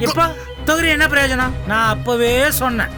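A scheming middle-aged man taunts his rivals in a high, mocking voice. He sneers and needles, relishing their shame. Loud background music runs under this television drama. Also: moderate pace. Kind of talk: television serial acting.

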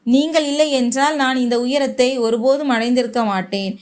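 A woman voicing a polite, hardworking young man who speaks softly and respectfully in a told story. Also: high voice, moderate pace, close to an everyday voice. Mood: grateful. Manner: soft, respectful, earnest.

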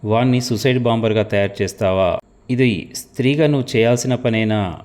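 Man doing an angry woman agent, accusing, loud, audio story. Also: mid-range voice, normal speed, natural voice. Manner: accusing, shouting.

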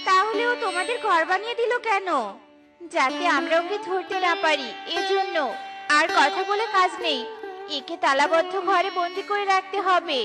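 A woman voicing a kind, protective little female bird in a children's cartoon, speaking in an earnest, reassuring way. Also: extremely high pitch. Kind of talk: children's cartoon story acting. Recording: music under the voice.

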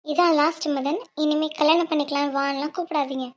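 A woman doing a squeaky-high sincere college girl. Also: steady tone, fairly quick, natural voice. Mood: firm. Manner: earnest, reasoning, tearful pleading. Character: young woman college student, cautious and sincere.

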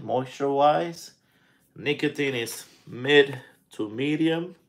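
A man in his forties hosting a casual live chat, talking in a halting way as he thinks aloud. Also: mid-range voice, gravelly. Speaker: pipe tobacco vlogger and live stream host. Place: small indoor room at home.

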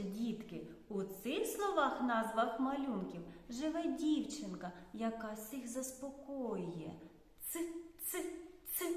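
A kindergarten teacher woman coaxes small children, asking questions at an unhurried pace. Her voice sits a little high and moves in a lively way. The recording rings with a long, echoey reverb from the room. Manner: coaxing, asks the children questions.

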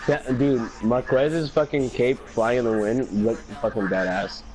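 A young man chatting casually with a friend while gaming, excitable and quick to exclaim and swear. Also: medium pitch, rough recording. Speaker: gamer.

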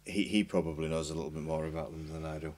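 Talking fast in a steady, slightly mellow bass voice, this guest, a man in his forties from Yorkshire, England, who plays in a band, rambles through a casual chat in a small podcast studio. He's self-deprecating and keeps restarting his sentences; a boom mic with headphones picks him up, with a little hiss or hum audible.

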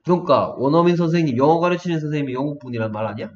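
A man's voice: a little high, lively intonation, darkish tone. Man drilling English sounds one-on-one. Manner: drills sounds slowly, then faster, asks the student to repeat. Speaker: English pronunciation tutor. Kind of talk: one-on-one phonics lesson. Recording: dull, lo-fi sound.

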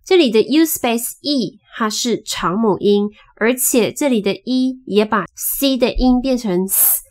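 A woman teaching English phonics, patiently spelling out sounds and repeating each word slowly. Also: on the high side. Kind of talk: slow spoken phonics lesson.

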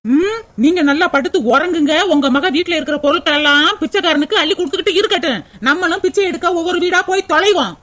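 A woman's voice: very high-pitched, quick pace, hardly any pauses, a bit bright, a little hiss or hum. A woman voicing a hot-tempered sister-in-law in a cartoon, sarcastic and snapping. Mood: angry. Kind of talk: Tamil cartoon dubbing.

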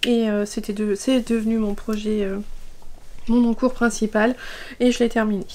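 A woman's voice: fairly high pitch, little pitch movement, normal speed, a little mellow. A French woman hosting a knitting vlog, chatting casually and rambling with many fillers and asides. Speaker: knitting podcast host.

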